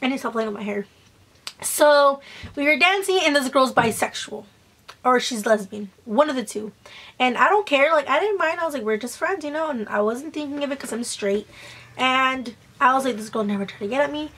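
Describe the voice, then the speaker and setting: A woman's voice: high-pitched, expressive, a little fast, a bit bright, slightly rough. A young woman telling a casual, gossipy storytime in a slangy, self-mocking way, swearing and acting out the dialogue. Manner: acts out quoted dialogue. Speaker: vlogger.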